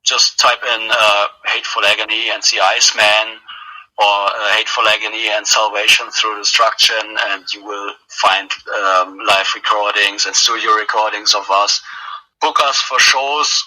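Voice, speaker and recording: Tipsy rambling male metal drummer, bright voice. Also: on the low side, flat delivery, normal speed, low-quality recording. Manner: rambling, hesitant, tipsy and joking. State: drunk. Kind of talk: casual interview.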